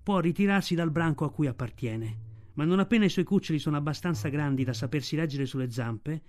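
A man narrating a story aloud in a steady storytelling delivery. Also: on the high side, brisk. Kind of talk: audiobook reading.

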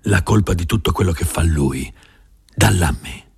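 A man reading an audiobook voices an older ranch owner who calmly brushes worries aside. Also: low-pitched, moderate pace, creaky, breathy edge, full character voice. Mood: indulgent. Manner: calm and dismissive.

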